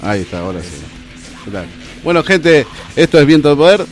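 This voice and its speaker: Relaxed Rioplatense man hosting radio. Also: fairly high pitch, a little fast, faint music behind. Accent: Rioplatense Spanish. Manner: relaxed, announcing show details with fillers. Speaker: radio show host. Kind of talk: casual radio chat. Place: radio studio.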